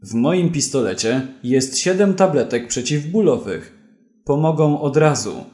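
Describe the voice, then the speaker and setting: A man's voice: a little high, lively intonation, unhurried, warm tone, reverberant. A man reading as a mocking armed gunman. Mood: threatening. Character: armed, threatening man with dry humor.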